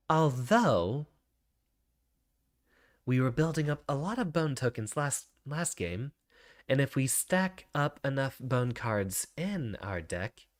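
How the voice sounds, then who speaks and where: A man giving casual commentary as he plays a card game, boastful and thinking aloud. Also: medium pitch. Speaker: streamer playing a card game. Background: music.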